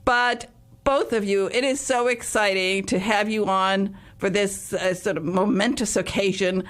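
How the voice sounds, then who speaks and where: A woman's voice: medium pitch, steady tone, unhurried. Chatty laughing woman radio host. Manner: chatty, laughs often, rambling. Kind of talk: casual interview chat.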